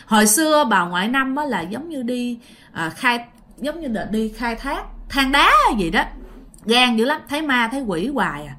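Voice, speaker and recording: A woman tells a ghost story casually, speaking straight to her listeners. Her voice is fairly high and very lively, rising and falling with the tale. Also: normal speed. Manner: animated, addresses listeners directly.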